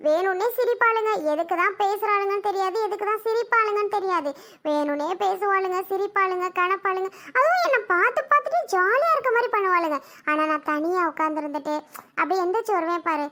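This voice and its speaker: A woman playing a hurt young wife, very high voice. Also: fast talker, bright, forceful tone. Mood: resentful. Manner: emotional, resentful, pleading. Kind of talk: village family drama skit.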